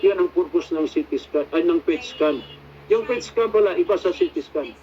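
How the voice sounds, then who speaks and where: A man's voice: on the high side, normal speed, warm tone. Middle-aged man with a rambling telling. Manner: rambling, searches for words with many fillers, mixes in English. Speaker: patient giving a testimonial. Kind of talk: casual spoken testimony. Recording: dull lo-fi recording.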